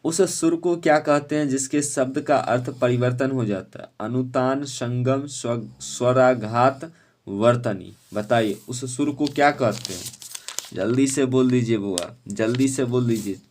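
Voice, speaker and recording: A man teaching an exam-prep lesson, quizzing students and urging them to answer quickly. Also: mid-range voice, darkish tone.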